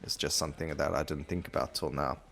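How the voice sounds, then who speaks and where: A gaming video host with a rumbling low, slightly bright voice talks fast in a steady tone. He rambles through casual gameplay commentary, thinking aloud as he plays while game music runs behind him.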